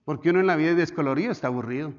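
A fairly high-voiced man with a Colombian accent preaches to his congregation, hammering on repeated words and having the listeners say them back. He slips into quick little acted scenes with changing voices. The recording sounds dull and lo-fi. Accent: Colombian Spanish. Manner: repetitive, exhortative, calls the congregation to repeat words. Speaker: pastor. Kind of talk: sermon.

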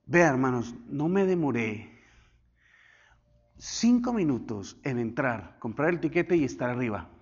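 A male pastor preaching a sermon, swinging from loud declarations to hushed asides and having the congregation repeat after him. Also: on the high side, muffled recording.

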